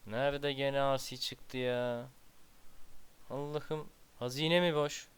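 Smooth-voiced man muttering over gameplay. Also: medium pitch, fairly even intonation, takes it slowly. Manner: muttering to himself, exasperated outbursts. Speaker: gameplay commentator. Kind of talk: casual strategy game commentary.

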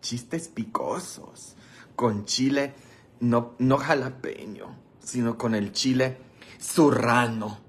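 A priest, chatting playfully with viewers on a livestream, teasing them and laughing often. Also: male voice, medium pitch, steady tone, slow, slightly rough. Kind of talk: joking livestream chat with viewers.

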